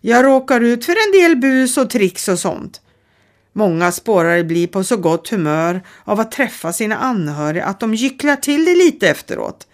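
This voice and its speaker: A woman's voice: medium pitch, animated, pitched above the performer's own voice, natural voice. A woman reading aloud, voicing a fussy, old-fashioned older male train driver.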